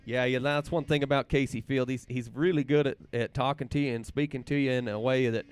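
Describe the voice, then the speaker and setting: A man announcing a live race, reading out times slowly and chatting in a folksy way between runs. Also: medium pitch, steady tone, clean tone. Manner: reads race times slowly and repeats them. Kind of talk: live play-by-play commentary.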